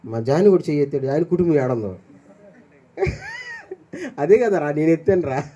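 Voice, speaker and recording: Older male pastor, high voice, mellow dark tone, questions the congregation. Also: expressive, moderate pace, dull audio, a little hiss or hum. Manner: asks the congregation questions and calls on them; swings between high raised calls and low quiet asides. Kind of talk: sermon to a congregation.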